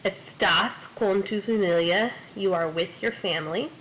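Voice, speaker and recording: A woman at an ordinary middle pitch gives a recorded language lesson. She explains patiently, step by step, pausing on frequent fillers. A faint hiss of noise sits under her voice. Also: fairly bright tone, low-quality recording. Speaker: Spanish teacher.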